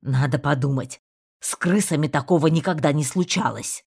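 A woman voicing a bossy young male rat in an audiobook, speaking in a brisk, commanding way. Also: low voice, creaky, a little mellow, husky, heavily acted.

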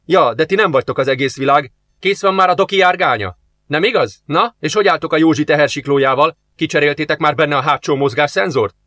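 A gruff, middle-aged workshop boss who barks and swears at his staff, as a male narrator puts him on. He is voiced only a little above the reader's own pitch, in a dry, close recording. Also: fairly bright tone, no room sound, close to an everyday voice. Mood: scolding. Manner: barking, swearing.

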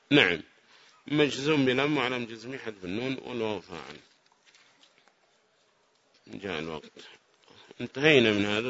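A man's voice: mid-range voice, a bit bright. A man teaching Arabic grammar to a class, praising answers and prompting students with questions. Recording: dull lo-fi recording.

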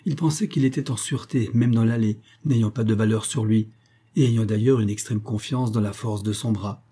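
A man reading a Victorian novel aloud as an audiobook narrator, in a measured, even storytelling manner. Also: lowish voice, husky.

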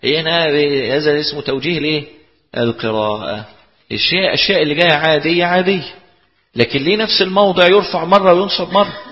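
A man's voice: fairly high pitch, fast talker. A man with an Egyptian accent teaching a class, explaining points and posing rhetorical questions that he then answers himself. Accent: Egyptian Arabic. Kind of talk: lecture explaining a text. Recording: lo-fi recording in a reverberant hall.

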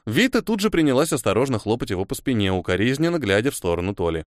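A man reading a story aloud with animated, expressive delivery. His pitch moves a lot while staying mid-range. The recording is dry and close to the mic. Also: fast, dry recording. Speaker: audiobook narrator. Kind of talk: storybook narration.

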